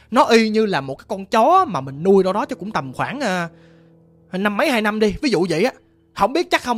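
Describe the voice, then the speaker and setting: A woman telling a first-person ghost story in a chatty way, speaking directly to her listeners. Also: mid-range voice.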